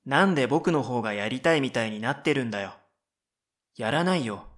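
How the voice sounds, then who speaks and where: In a comedic radio drama, a man voices a dry-witted, exasperated middle-school boy who narrates and fires off matter-of-fact retorts. His mid-range delivery is expressive and brisk, with a fairly bright tone.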